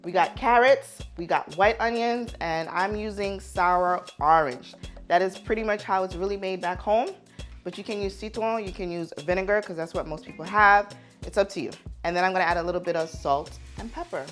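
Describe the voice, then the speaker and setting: Soft background music accompanies a mid-range female voice moving at a normal pace. She's a Haitian-born chef and cooking show host who grew up in New York, and she keeps her tutorial loose and funny, often asking the viewer "right?" or "okay?" and repeating words to stress them.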